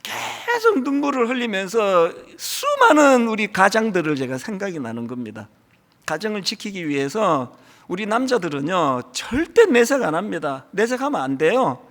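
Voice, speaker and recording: A man's voice: sits high, sing-song, moderate pace, a bit bright. A middle-aged male pastor preaching a sermon, telling a story and acting out lines with rising emotion. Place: large church sanctuary. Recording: long reverb of a large church hall.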